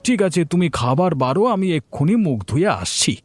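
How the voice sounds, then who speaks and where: A man's voice: a little high, expressive, fairly quick, breathy edge. A man voicing a lazy middle-aged husband who runs a shop, in a dubbed cartoon, coaxing and teasing. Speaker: cartoon voice actor. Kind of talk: cartoon dubbing.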